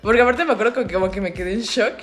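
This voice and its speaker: A young woman with a Mexican Spanish accent co-hosts a podcast, telling stories in a casual, slangy chat and laughing often. Her medium-pitched voice moves very fast, with soft music in the background.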